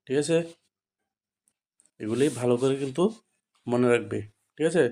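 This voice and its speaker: A man with a Bengali accent, at a middle pitch for a man, leads a grammar lesson in a steady classroom manner. He goes over each rule several times and breaks it up with quick checking questions to his students. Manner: repetitive, checks understanding with frequent rhetorical questions. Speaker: English grammar teacher.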